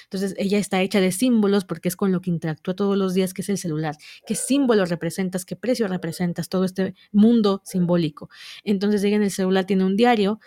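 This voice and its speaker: A woman's voice: mid-range voice, steady tone, fast, warm tone, dry recording, clean studio sound. A woman casually recapping a manga, chatty and explanatory, often checking in with the listener. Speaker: manga reviewer.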